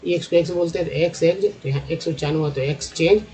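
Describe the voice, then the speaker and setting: A man's voice: fairly high pitch, steady tone, fast, warm tone, rough recording. A man teaching English phonics over slides, spelling out letter groups and then sounding out example words patiently.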